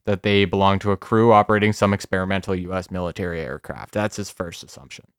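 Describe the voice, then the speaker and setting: Male podcast co-host, low resonant voice, dry close mic, relaxed storyteller. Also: clear, resonant tone, no room sound. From Canada. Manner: laughing, swearing storyteller, slows down for suspense. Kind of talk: casual storytelling chat.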